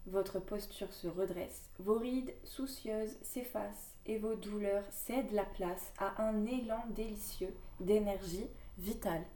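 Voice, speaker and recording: A woman reading oracle cards aloud, with gentle, musing asides and fillers between readings. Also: mid-range voice. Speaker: card reader. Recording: echoey room, voice from a distance.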